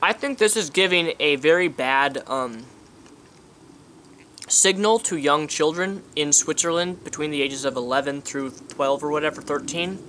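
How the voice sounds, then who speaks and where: A man's voice: fairly high pitch, unhurried, sharp tone, slight background noise. Young man vlogging outdoors. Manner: chatty, eating while talking. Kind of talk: casual opinion vlog. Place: outdoors on a sunny day.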